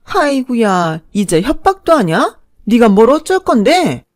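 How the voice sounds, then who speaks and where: A woman voicing a brazen old stepmother-in-law who talks loud, whining and accusing. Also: a little high, big pitch swings, a little slow, dry recording, studio quality, voice pushed up. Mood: scolding.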